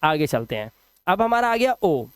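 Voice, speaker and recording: A man teaching English phonics rules in a video lesson, patiently repeating example words slowly and quizzing the viewer. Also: high voice, big pitch swings, clean tone, no echo, studio quality.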